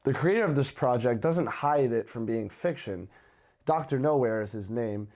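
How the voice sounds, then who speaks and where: With lively intonation and a moderate pace, this man's darkish, medium-pitched voice carries informal chat as he hosts a horror video channel. Behind him runs guitar background music.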